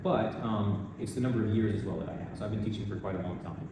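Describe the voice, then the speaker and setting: Relaxed American teacher in an echoey room. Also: male voice, on the low side, fast, gravelly, background noise. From United States. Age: older. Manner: relaxed, rambling, many restarts. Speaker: math teacher. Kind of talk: interview answers. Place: school in Vietnam. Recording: echoey room, distant mic, music behind.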